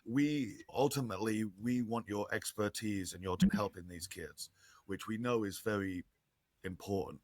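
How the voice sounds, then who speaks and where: Lowish in voice, with no room sound, this nonprofit guest on a podcast has a slight lisp. He's earnest and talkative in his casual explanations, frequently starting his sentences over.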